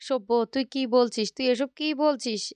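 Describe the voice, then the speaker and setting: Brief: woman narrator doing a tender apologetic older mother, smooth and dry. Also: high-pitched, moderate pace, a little mellow, no echo, natural voice.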